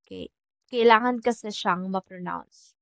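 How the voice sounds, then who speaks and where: A woman from the Philippines giving a casual French lesson, chatty and repeating example words slowly. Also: mid-range voice, a bit bright, no echo, highs cut off. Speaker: French teacher.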